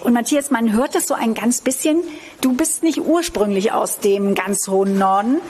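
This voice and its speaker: A woman's voice: on the high side, normal speed, darkish tone. A woman chatting casually as an interviewer and co-host. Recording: clear ambient background noise.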